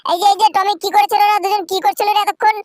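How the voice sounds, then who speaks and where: A man's voice: extremely high pitch, monotone, no room sound, clean studio sound. A man doing a busy scolding uncle. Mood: bustling. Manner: quick, scolding.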